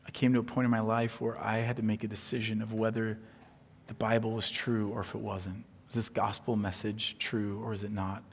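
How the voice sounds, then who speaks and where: A man preaching an evening sermon in an earnest way, rising in intensity as he retells scripture and then going quiet and low. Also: little pitch movement, a little fast, vocal fry, breathy edge. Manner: earnest, builds in pitch and volume when retelling, then drops soft and low. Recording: long hall reverb.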